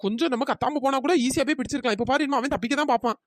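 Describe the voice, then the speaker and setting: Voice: sits high, racing, no room sound, clean studio sound, natural voice. A performer voicing a grumbling woman friend in a cartoon, whiny and sarcastic. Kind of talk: cartoon comedy voice acting.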